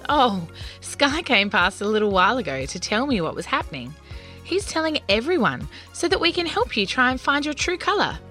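Woman voicing a lively, artsy lady unicorn. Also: a little high, moderate pace, soft background music, voice pushed up. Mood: cheerful. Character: cheerful, creative female unicorn.

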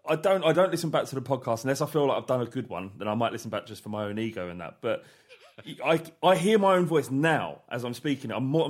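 Teasing co-host. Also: male voice, medium pitch. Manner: teasing, halting with repeated starts. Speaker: podcast co-host. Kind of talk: casual chat. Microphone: remote video call.

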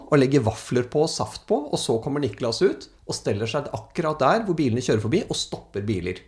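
A man tells casual anecdotes as a speaker, animated and acting out the people he quotes. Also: medium pitch. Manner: animated storyteller, acts out quoted voices. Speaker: speaker telling stories.

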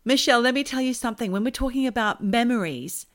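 A woman hosting a podcast in casual chat, telling stories in an animated, chatty way. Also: on the high side, quick pace. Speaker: podcast host.

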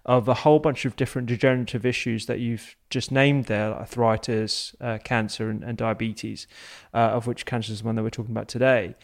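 Creaky-voiced male podcast host. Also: medium pitch, level tone. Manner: thoughtful, measured questioning. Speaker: podcast host and medical doctor. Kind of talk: conversational interview.

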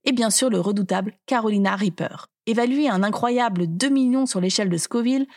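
A woman reading scripted documentary narration in a measured, explanatory way. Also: mid-range voice, a little mellow.

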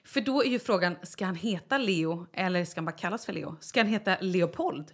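Pregnant woman, podcast co-host, animated storyteller, casual chat. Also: lowish voice, breathy edge. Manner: animated storytelling, acts out quotes.

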